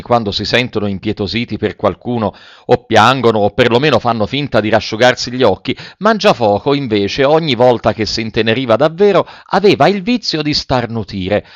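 A man reading a storybook aloud in a measured, expressive way. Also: fairly low pitch, no echo, dull audio. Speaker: audiobook reader. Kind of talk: scripted storybook narration.

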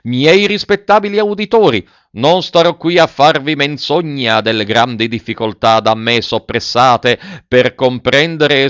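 A man voicing a pompous, blustering male circus ringmaster who proclaims to the audience in grand, high-flown phrases. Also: a bit bright, smooth, no room sound, lightly acted. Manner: grandiloquent, booming showman's proclamations.

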